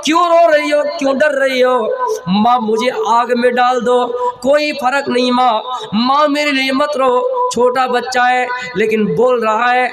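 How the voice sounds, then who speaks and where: A man's voice: very high-pitched, steady tone, a little slow. A male preacher voicing a small boy who pleads earnestly with his mother, inside a sermon. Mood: pleading. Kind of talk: acted quote within a sermon.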